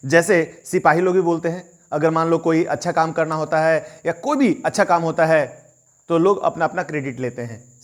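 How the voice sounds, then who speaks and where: High-voiced man teaching grammar. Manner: explains step by step with rhetorical questions; acts out students' questions. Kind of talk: classroom-style grammar lesson.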